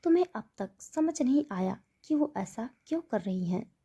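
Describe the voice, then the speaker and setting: A gentle older caretaker woman, read by a woman. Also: on the high side, expressive, normal speed, husky. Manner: gentle, amused. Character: kindly older female caretaker.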